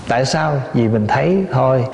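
A man's voice: mid-range voice, expressive, normal speed, vocal fry, a little mellow, a little hiss or hum. A man, a Buddhist monk, giving a dharma talk to a lay audience, telling simple stories, asking rhetorical questions and adding light humor. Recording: echoey hall, dull lo-fi sound.

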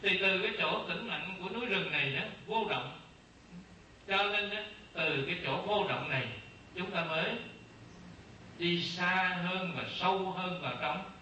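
A man gives a Buddhist dharma talk in a high, very bright voice, circling back over his phrases and asking questions he then answers himself. He sounds set back from the microphone in a strongly echoing space, with a faint hum of ambience behind him. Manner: slow, repetitive teaching with rhetorical questions. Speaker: Buddhist monk teacher. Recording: very echoey distant room sound, faint ambience.

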